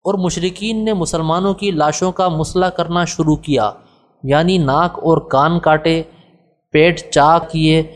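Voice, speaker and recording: A man narrates a religious biography in a steady, formal reading voice. His voice sits a little high. It carries a long reverb that trails after each phrase. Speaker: audiobook narrator.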